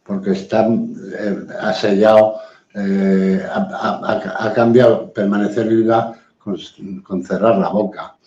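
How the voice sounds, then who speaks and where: A man's voice: lowish voice, flat delivery, takes it slowly, mellow. A man, a guest in a live-stream talk, speaking bluntly and assertively with many hesitant fillers. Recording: roomy, dull lo-fi sound.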